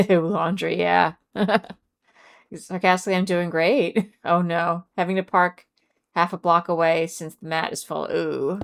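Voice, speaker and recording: A woman's voice: fairly low pitch, fairly even intonation, a little slow, vocal fry. A woman streamer chatting casually with her viewers, reading out and answering chat messages. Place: home.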